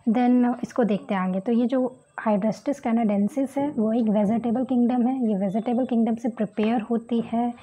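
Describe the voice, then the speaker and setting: A woman teaching homeopathy, slowly reading English terms from a book and explaining them in Hindi with frequent "okay"s. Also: on the high side, mellow, breathy edge, rough recording. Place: indoors at a table, book and pen on camera.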